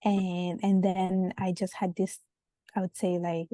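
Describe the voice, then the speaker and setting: Low, flat woman. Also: unhurried, no echo. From Italy. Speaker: podcast guest. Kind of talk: casual interview conversation.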